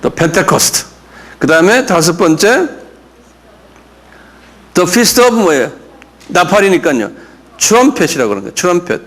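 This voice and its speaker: An older male pastor gives a classroom Bible lesson at a slow, unhurried pace. His voice sits high for a man and swings widely up and down. He often stops to quiz the listeners and have them say words back. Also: very animated, fairly bright tone. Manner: drills English terms, asks the class to repeat; explains slowly, with many fillers and questions to the class.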